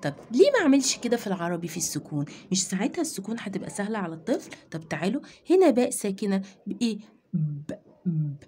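A woman with an Egyptian Arabic accent teaching a children's reading lesson. She explains step by step, asks and answers her own questions, and sounds out letters slowly. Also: medium pitch, very animated, warm tone, husky.

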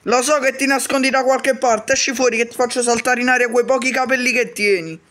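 A man voicing several characters in a comedic game role-play, bickering quickly with frequent swearing and shouty outbursts. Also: very high-pitched, fairly even intonation. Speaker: YouTuber voicing all characters.

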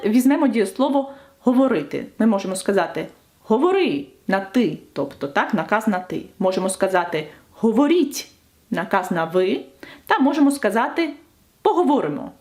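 A woman teacher explaining French grammar in a video lesson, stressing each example. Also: fairly high pitch.

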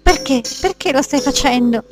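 A woman voicing a frightened little girl who pleads with her parents in a high, breathy voice. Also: moderate pace, music in the background, natural voice. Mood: pleading.

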